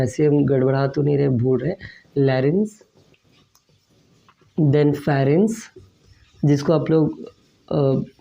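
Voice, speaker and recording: Teacher for an online class, mellow tone, slow stress on key terms, asks and answers own questions, dull recording. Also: medium pitch, creaky.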